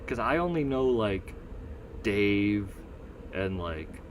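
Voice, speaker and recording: Reading viewers' chat out loud and cursing without restraint, this livestream host rambles through a laid-back solo stream in a Northeastern US accent. His voice is on the low side, slow and expressive, over a slight hiss or hum.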